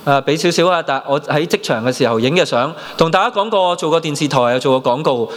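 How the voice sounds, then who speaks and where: Man, 30s, Hong Kong Cantonese accent, preacher, animated storytelling, slightly high voice, long church-hall reverb. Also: fast. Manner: animated storytelling, mixing in English words. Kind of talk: sermon with personal testimony.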